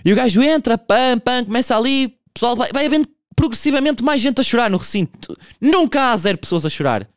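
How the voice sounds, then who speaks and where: Animated young stand-up comedian. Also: male voice, high-pitched, smooth, dry recording, studio quality. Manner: casual, profane, animated storytelling with vocal impressions.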